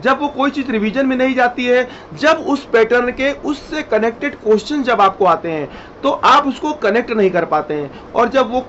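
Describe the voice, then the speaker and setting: A man's voice: extremely high pitch, a bit bright. A man teaching chemistry in a classroom-style lecture, repeating each rule step by step and addressing students directly. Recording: dull lo-fi sound, faint noise.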